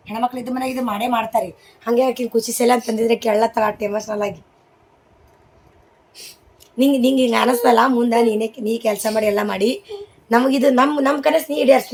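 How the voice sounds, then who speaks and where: A woman's voice: fairly high pitch, creaky, a little mellow, slightly rough. A mother, hosting a family vlog at home, coaxing and comforting and talking to viewers as friends. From Maharashtra border region.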